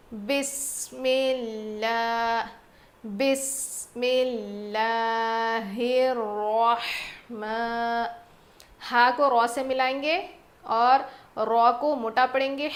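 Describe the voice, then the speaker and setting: A woman teaching Quran recitation, reciting phrases slowly, repeating them, then explaining pronunciation. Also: on the high side. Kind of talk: slow recitation lesson with explanations.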